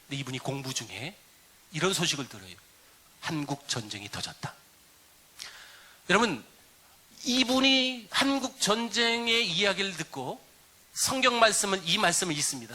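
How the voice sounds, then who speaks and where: A middle-aged man preaching a sermon as a pastor, telling a story with lively swings and hushed quiet stretches. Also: fairly high pitch, a little hiss or hum.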